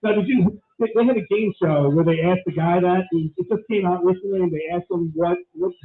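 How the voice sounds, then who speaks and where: High-voiced radio host man, tinny audio. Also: animated. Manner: rambling, quick banter with laughs. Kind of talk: casual sports talk.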